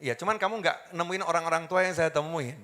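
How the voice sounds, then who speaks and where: A male preacher, giving an animated sermon that quizzes the audience and acts out the people he quotes. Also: on the high side, quick pace. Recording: long hall reverb.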